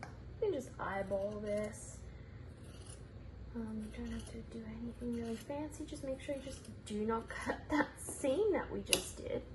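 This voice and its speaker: A woman's voice: on the high side, normal speed, background noise. A woman hosting a sewing tutorial, chatting informally and playfully as she talks viewers through each step. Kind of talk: informal step-by-step craft demonstration.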